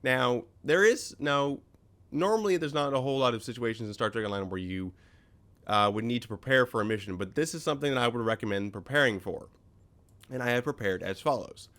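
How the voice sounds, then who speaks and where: A gaming video host talks through casual game commentary in a medium-pitched, fairly bright voice that's brisk and slightly scratchy from a recent cold. He rambles through his explanations, full of ums and self-corrections.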